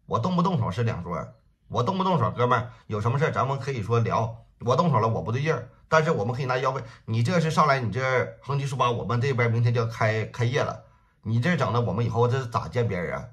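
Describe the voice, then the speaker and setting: A man's voice: medium pitch, animated, fast, a bit bright, natural voice. A man voicing a harried club manager, pleading to talk things over. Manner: pleading, conciliatory. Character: beleaguered club manager, adult man, placating.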